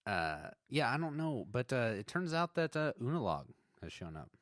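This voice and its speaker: A man's voice: mid-range voice, sing-song, moderate pace, fairly bright tone, dry recording, clean studio sound. A man co-hosting a podcast, chatting casually about an episode, laughing often and stumbling over restarts as he reads trivia aloud. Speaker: podcast co-host.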